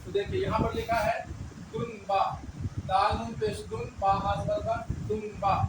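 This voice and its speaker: A man with a high-pitched voice and big pitch swings teaches a beginner Urdu lesson at normal speed, patiently posing questions, answering them himself, and repeating key words. He sits far from the microphone, so the sound is echoey, with traffic noise in the background.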